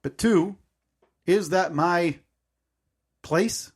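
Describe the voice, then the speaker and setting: This co-host, a man in his thirties, speaks extremely slowly in a husky voice that sits high. In a casual podcast chat he tells a story hesitantly, rambling and correcting himself often.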